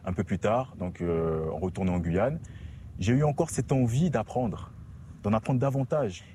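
Mellow young man from French Guiana. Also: fairly low pitch, normal speed, slight background noise. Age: young adult. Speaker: student interviewed in a report. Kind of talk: reflective personal account.

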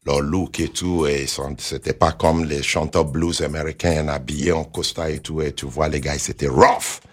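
A man on a panel telling an anecdote in an animated way. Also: a bass voice, moderate pace. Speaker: panel guest. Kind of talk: casual anecdote.

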